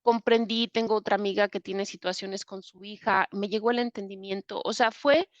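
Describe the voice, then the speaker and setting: A woman's voice: mid-range voice, steady tone, moderate pace, no echo, dull audio. A woman with a Mexican accent, a guest recounting a personal experience in vivid detail, with frequent fillers and restarts. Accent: Mexican Spanish. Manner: vivid retelling with many fillers. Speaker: interview guest. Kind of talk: personal storytelling.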